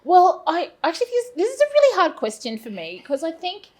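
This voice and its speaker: A woman's voice: very high voice, huge pitch swings, brisk, a little mellow. An Australian woman in her fifties, a business owner answering interview questions in a rambling, self-deprecating way with many fillers. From Brisbane, Australia. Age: 50s. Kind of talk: casual interview chat.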